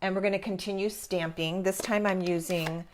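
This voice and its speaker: A woman's voice: medium pitch, fairly even intonation, normal speed, a little hiss or hum. A woman hosting a live craft tutorial, talking informally and encouragingly as she explains each step. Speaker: craft class host.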